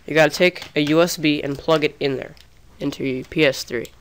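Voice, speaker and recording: A slightly high, steady male voice at a fairly quick pace belongs to a young man doing a screen-recorded gaming tutorial. He keeps it casual and chatty, restarts often, and is a little under the weather, his voice slightly off.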